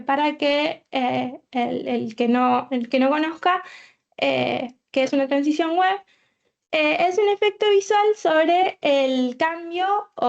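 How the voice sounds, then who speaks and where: A woman's voice: sits high, gravelly, lo-fi sound. A woman from Argentina with an Argentine Spanish accent, a full stack developer giving a tech talk, hesitant and full of filler sounds.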